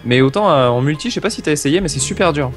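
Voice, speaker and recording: A man's voice: on the high side, lively intonation, quick pace, faint music behind. A man giving eager game tips and explanations, chuckling often as he talks. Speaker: guest gaming expert. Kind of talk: casual gameplay commentary.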